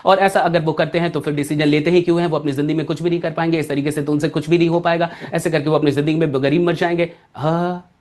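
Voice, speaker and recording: A man from India giving a motivational public speaking masterclass, animated, swinging between loud and soft and often asking "right?". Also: on the high side, fast talker.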